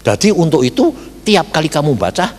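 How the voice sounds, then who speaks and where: A man's voice: fairly high pitch, big pitch swings, brisk, a little mellow, big-room sound. A male pastor preaching a sermon in a colloquial, folksy manner, his voice swinging dramatically up and down.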